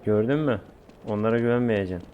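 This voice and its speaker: A man's voice: on the low side, quick pace, lo-fi sound, slight background noise. A man with a Turkish accent chats casually and in slang with viewers while live-streaming a game. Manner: informal, slangy, chatting with viewers.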